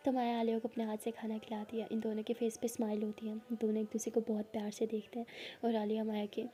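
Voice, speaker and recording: A woman narrating a romance story in a soft, often half-whispered way. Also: a little high, monotone, fast talker.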